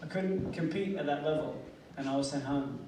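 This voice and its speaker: A man's voice: on the high side, a little fast. Australian man telling his story in an echoey hall. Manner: earnest storytelling with humor. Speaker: motivational speaker. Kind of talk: motivational speech. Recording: echoey hall, distant mic, noisy.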